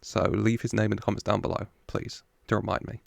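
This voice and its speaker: A man's voice: on the low side, little pitch movement, quick pace, creaky, no room sound, studio quality. A man giving casual film reaction commentary as host, chatty and amused.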